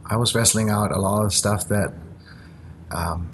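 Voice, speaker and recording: A man's voice: fairly low pitch, a little hiss or hum. Earnest man, English his third language. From born in Japan, raised in Germany. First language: not English. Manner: earnest, halting with fillers. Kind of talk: testimony in casual conversation.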